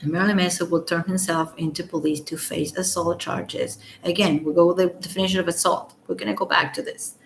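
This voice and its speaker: A woman with a fairly low, raspy voice full of gravelly fry talks as a casual commentator. She sounds tired and speaks bluntly in a rambling, unscripted way, with faint noise behind her. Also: fairly even intonation, fairly quick, few pauses.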